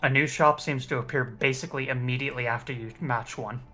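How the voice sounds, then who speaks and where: Bright-voiced man narrating a game. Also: medium pitch, fairly even intonation, fast talker, faint music behind. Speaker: game player narrating aloud. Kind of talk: scripted narration read aloud during a game playthrough.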